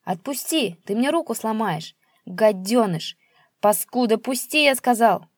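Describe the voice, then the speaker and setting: A woman's voice: unhurried, warm tone, husky, no echo, studio quality. A woman voicing a spiteful old male pensioner who screeches and jeers at his son. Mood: shrieking. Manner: shrill, screeching, jeering.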